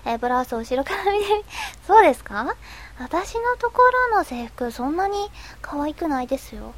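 A woman playing a fifteen-year-old schoolgirl radio host, reading listener comments in a soft, hesitant, giggly way with a stuffy nose from a cold. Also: high voice, sing-song, moderate pace. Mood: shy chatter. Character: shy teenage schoolgirl, fifteen.

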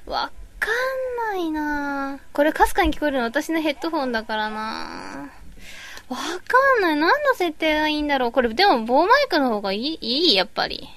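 A woman on a live stream, chatting casually while she fusses over her audio setup and reads chat comments into a boom mic. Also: animated, fairly quick, fairly bright tone.

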